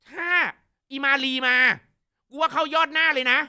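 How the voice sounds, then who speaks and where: Shrill ranting older woman, plump, foul-mouthed and furious, as a male host mimics her, piercing and bright. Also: brisk, clear, resonant tone, heavily acted. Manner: shrill, ranting, yelling insults.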